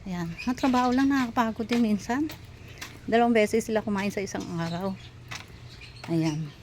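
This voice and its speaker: A woman's voice: medium pitch, normal speed, darkish tone, slight background noise. A woman vlogging while she feeds her dogs outdoors at a rural home, out of breath and chatty, calling to each dog by name. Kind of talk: casual vlog, talking while feeding dogs.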